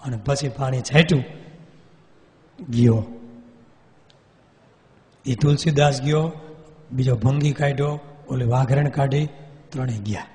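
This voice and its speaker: Animated male preacher in echoey hall. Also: mid-range voice, measured pace, long pauses. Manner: animated, acts out scenes with gestures. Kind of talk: sermon storytelling. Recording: long hall reverb.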